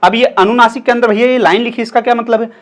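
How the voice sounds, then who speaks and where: A young man with a high voice gives a relaxed classroom-style lesson on grammar. He talks chattily and keeps asking his students questions as he explains. Now and then he draws out a vowel to show how it sounds. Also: fast. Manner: stretches vowels to demonstrate sounds. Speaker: Hindi grammar teacher. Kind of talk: casual classroom lecture.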